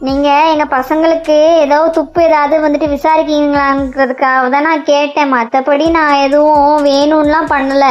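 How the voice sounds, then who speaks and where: Woman as desperate, pleading cartoon mother; high-pitched, over light background music. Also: level tone, normal speed, hardly any pauses, highs cut off, lightly acted. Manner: pleading, begging. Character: tearful mother of missing children, pleading. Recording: music faintly behind.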